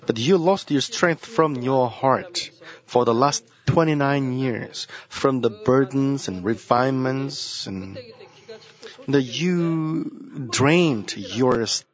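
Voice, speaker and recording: Slow, earnest preaching senior pastor man. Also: mid-range voice, dull audio. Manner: earnest, repeats key phrases. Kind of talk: sermon.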